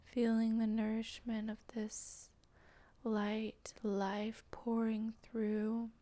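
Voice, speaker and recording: Fairly high-pitched and monotone, her soft, breathy voice frequently slips into near-whispers as she improvises a guided meditation. A meditation host and channeler, she talks gently and haltingly, leaving long pauses.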